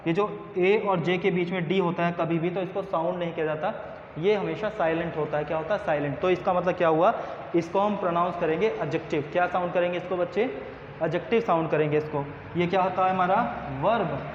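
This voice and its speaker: A man teaching an English grammar lesson. He asks the students questions, answers them himself, and drills pronunciation slowly. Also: high-pitched. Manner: slow, drawn-out pronunciation drills. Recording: echoey, dull room recording with faint noise.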